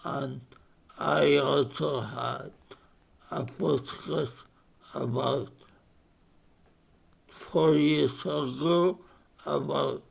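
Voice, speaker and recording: A man in his fifties from Spain with a speech impairment, giving a halting self-introduction as a board candidate. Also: medium pitch, fairly even intonation, creaky, husky. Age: 50s. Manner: halting, broken into short phrases.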